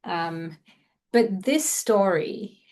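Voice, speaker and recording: Low-voiced reflective woman from Malaysia. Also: expressive, extremely slow, darkish tone. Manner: reflective, meandering, with frequent fillers. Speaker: guest writer. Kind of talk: conversational craft discussion.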